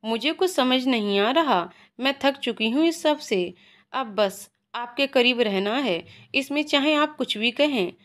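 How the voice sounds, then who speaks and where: Woman doing a pouty young wife, huffy and sulky, higher voice, storybook romance. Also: animated, unhurried, fairly bright tone. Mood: pouting. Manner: huffy, pouting.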